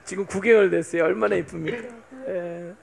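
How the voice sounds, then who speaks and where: A man's voice: high voice, fairly even intonation, a little fast, gravelly, a little hiss or hum. A man in his fifties, a pastor preaching a sermon in a chatty, playful way, teasing the congregation. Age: 50s.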